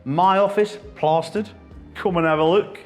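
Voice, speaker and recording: A man's voice: sits high, steady tone, normal speed, faint music behind. A British man hosting a casual vlog tour of a building under renovation, talking in an enthusiastic, jokey, exclamatory way. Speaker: vlog host.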